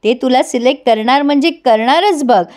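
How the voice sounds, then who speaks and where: A woman's voice: sits high, moderate pace, darkish tone, lightly acted. A woman voicing a confident young woman who encourages and reassures her friend. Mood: encouraging.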